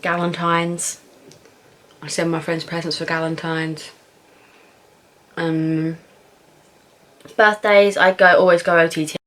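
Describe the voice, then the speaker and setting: A young British woman in a casual Q&A vlog, chatting informally and frankly while eating, thinking aloud with pauses. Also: fairly low pitch, level tone, a bit bright. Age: young adult. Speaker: vlogger answering viewer questions.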